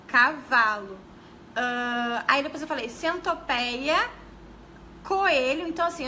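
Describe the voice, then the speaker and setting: A woman's voice: high-pitched, pushed and bright, slight background noise. A woman teaching a live class about early literacy in a chatty way, talking straight to her viewers and often stopping to correct herself. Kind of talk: casual live-stream teaching.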